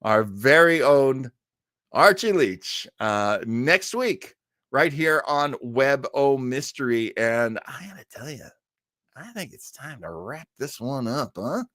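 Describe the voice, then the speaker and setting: Slow and sing-song, the medium-pitched, fairly bright voice of an old-time radio livestream host comes through in studio quality without room sound. He casually rambles to his viewers with enthusiasm and playful asides.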